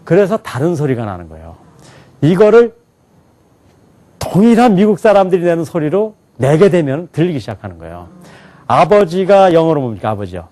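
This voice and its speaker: Animated man lecturing a class. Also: a little high, moderate pace. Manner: animated, asks the class questions and laughs often. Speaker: English teacher at an alternative school. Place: classroom with students.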